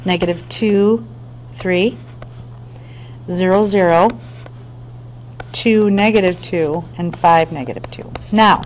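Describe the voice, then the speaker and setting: A woman's voice: on the low side, slow, pauses often, a little mellow, a little hiss or hum, rough recording. A woman math teacher explaining a lesson step by step, often checking in with her students. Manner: patient step-by-step explaining with frequent check-ins; talks to students directly. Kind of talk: screen-recorded math lesson.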